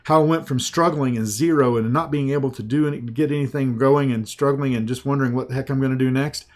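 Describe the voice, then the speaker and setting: A Southern US man delivers a relaxed webinar pitch as a sales coach. He speaks slowly in a folksy, conversational way, sometimes restarting his sentences.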